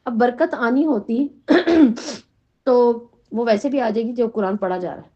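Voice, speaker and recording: A woman's voice: on the high side, mellow. A middle-aged woman teaching a Quran lesson to a class, often asking questions and checking in with "right?". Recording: dull lo-fi recording.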